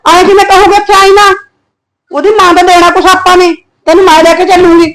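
A woman's voice: very high-pitched, little pitch movement, fast, rough recording. An actress playing a fiery, scolding mother with a Punjabi accent who curses her daughter's in-laws. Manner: abusive, fiercely protective, scolding.

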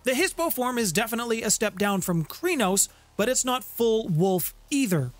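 With a very high-pitched voice and lively intonation at normal speed, a middle-aged host of a tabletop game lore channel reads a scripted lore explainer with playful theatrics. He's close on a pop-filtered studio condenser mic in an indoor home room with guitars, so there's no room sound, just background music.

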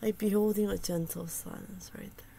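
A woman talks casually and hesitantly about a poem, her words full of fillers and repeated starts. Her voice is heavily creaky and gravelly, with a middling pitch. She often sinks into a soft near whisper. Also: steady tone, moderate pace, slight background noise, rough recording.

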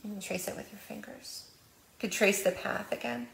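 American woman, library storytime host, sing-song and playful, slight vocal fry, echoey room. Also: medium pitch, fairly even intonation, normal speed, fairly bright tone. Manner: playful sing-song when reading, with animal sounds. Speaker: children's librarian. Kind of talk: storytime reading and early literacy tips.

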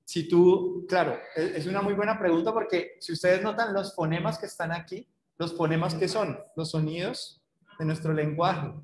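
A man's voice: high-pitched, normal speed, roomy sound, low-quality recording. A man giving an online lecture, explaining step by step and putting rhetorical questions to his students.

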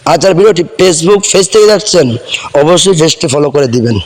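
A man's voice: fairly high pitch, expressive, long reverb tail. A man teaching spelling, sounding words out letter by letter and often checking that the listener has understood. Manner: spells words out slowly letter by letter, repeats them. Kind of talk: spelling lesson.

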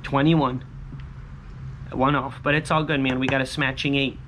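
On a covered patio by a pool, a scratch-off lottery host in his thirties talks casually to viewers while scratching tickets. His medium-pitched voice is level and fairly bright, at a normal speed, and his phrases are short, repetitive and informal. Ambient background noise is clearly present.

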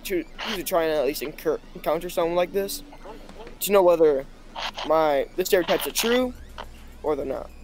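A man's voice: a little high, expressive, normal speed, noisy background. A man talking to a stranger on a video chat, blunt and crude but laid-back, calling everyone dude.

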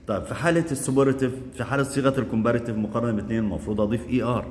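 A man teaching English grammar in Egyptian Arabic. He asks quick questions and answers them himself, and he drills the word forms aloud. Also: mid-range voice, a little mellow, big-room sound. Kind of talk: classroom grammar lesson.

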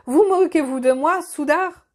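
A woman's voice: high-pitched, a little slow, a little mellow. Brief: taunting male guards, read by a woman, raised mocking storybook voice. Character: gruff male castle guards, mocking and scornful.

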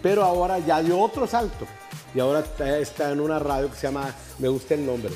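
A middle-aged man hosts a casual interview with a somewhat high, effusive voice and chats warmly about his guest. He holds a handheld mic on a TV set in a betting lounge, with faint music in the background. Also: fast talker. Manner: chatty, effusive, praising. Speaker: TV host.

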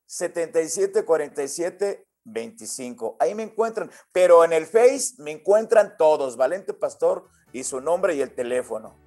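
Man, Mexican accent, radio interview guest, high voice, friendly and familiar. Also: very animated, normal speed, few pauses, warm tone. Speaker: singer and guest.

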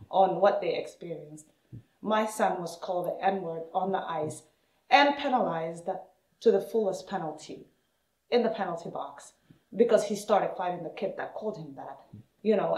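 A woman from Somalia recounts her own story in an interview, standing indoors. Her voice sits fairly low for a woman, and she lifts it to act out other people's words. The room gives the sound an echo. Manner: animated, acts out quoted speech with rising pitch. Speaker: interviewee, hockey parent and player. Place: indoors in a room with equipment shelves. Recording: roomy, echoey indoor sound.

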